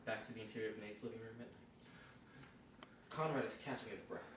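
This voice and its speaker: A man's voice: on the low side, fast talker. A man narrating stage directions at a script table read, recorded in a noisy room from away from the mic. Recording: roomy, far from mic, noisy.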